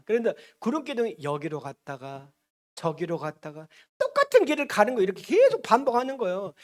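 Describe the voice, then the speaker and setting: A male pastor preaching a sermon, animated and often asking the congregation questions. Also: high-pitched.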